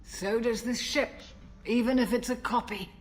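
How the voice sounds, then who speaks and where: A woman playing a calm older ship's doctor. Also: on the high side, lightly acted. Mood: tipsy. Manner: gentle, reflective, measured delivery. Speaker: game character. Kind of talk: video game dialogue.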